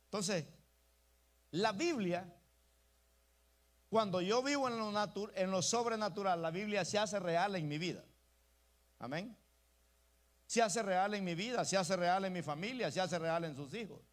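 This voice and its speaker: A man's voice: sits high, a little slow, long pauses. A male pastor preaching an emphatic sermon, often calling out to the congregation as brothers. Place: church.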